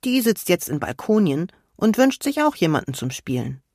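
A woman's voice: fairly low pitch, very animated, moderate pace, no echo, studio quality. A woman voicing a friendly older grandmother who welcomes a child in a storybook reading. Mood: welcoming. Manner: warmly welcoming.

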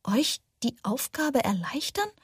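A woman's voice: fairly high pitch, normal speed, husky, dry recording, clean studio sound. A woman reading the lines of an outspoken, indignant young woman in an audiobook, reproachful in tone.

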